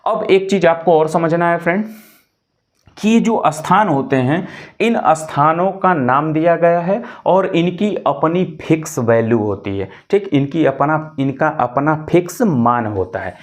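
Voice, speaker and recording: Male teacher, somewhat high voice, patient step-by-step lesson delivery. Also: animated, a little slow. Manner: patient, repeats points, frequent "ठीक" check-ins. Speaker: maths teacher. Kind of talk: classroom lesson explaining decimals.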